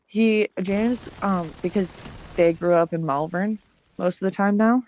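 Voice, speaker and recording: A woman's voice: medium pitch, a little slow, a little mellow. A woman streamer telling a long story in casual chat. She acts out the other people's lines and swears often.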